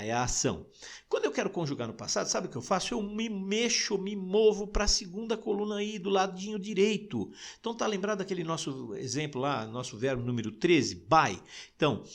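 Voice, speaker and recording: A man who speaks Portuguese natively, teaching an English lesson, explaining patiently and saying example phrases slowly. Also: fairly high pitch, gravelly. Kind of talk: recorded audio lesson.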